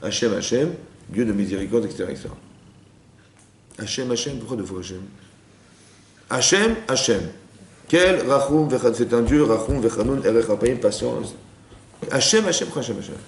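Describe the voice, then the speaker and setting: A rabbi gives a spoken Torah lesson to a women's class in a lecture room with listeners, sprinkling in Hebrew terms and repeatedly asking if they understood. His mid-range voice is expressive and a little fast, captured in a roomy space with faint background noise.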